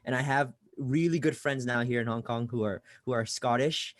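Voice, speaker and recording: A man's voice: medium pitch, normal speed, no room sound, studio quality. A man who was born in Bangladesh and grew up in California, a guest career coach talking casually in a podcast interview and often repeating words as he starts a sentence. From Bangladesh, raised in California.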